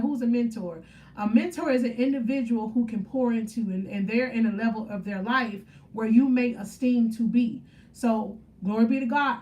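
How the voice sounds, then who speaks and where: This is a faith motivational livestream host, a woman in her 30s, responding to viewer comments with cheerful, sermon-like energy during a casual live chat. Her pitch sits fairly high, her tone is slightly mellow, and the mic is distant.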